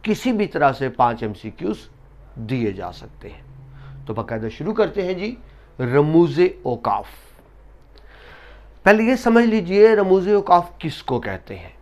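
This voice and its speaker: A male lecturer works through a grammar lesson, leaning on key words and drawing them out. He talks straight to his students and repeats each term to drill it in. His voice sits a little high for a man. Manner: slow, emphatic, stretching key words; addresses students directly, repeats terms for drilling. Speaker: Urdu lecturer.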